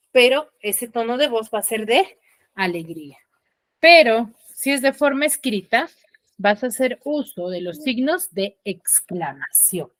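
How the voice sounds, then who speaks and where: A woman teacher giving an online class, explaining patiently, acting out example sentences with feeling and often tagging on quick checking questions. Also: fairly high pitch, no room sound.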